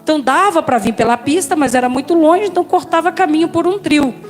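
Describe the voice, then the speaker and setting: Woman, Brazilian accent, pastor, high voice, lively testimony storytelling, soft music underneath. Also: quick pace. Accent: Brazilian Portuguese. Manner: lively storyteller, addresses listeners as brothers and sisters. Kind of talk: personal testimony in a sermon.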